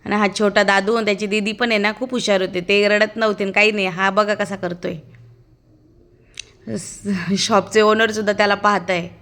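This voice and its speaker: A woman's voice: mid-range voice, flat delivery, moderate pace, a bit bright. A woman giving a chatty, amused running commentary as a casual vlog voice-over, narrating as the child's aunt.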